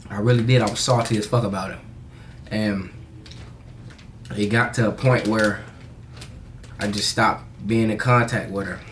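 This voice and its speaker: A young American man with a fairly low voice talks casually, as if confiding in viewers on a personal vlog. His delivery is candid and halting, full of slang and swearing. Some light noise sits behind the voice. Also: steady tone, a bit bright. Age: young adult. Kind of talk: casual confessional vlog storytelling.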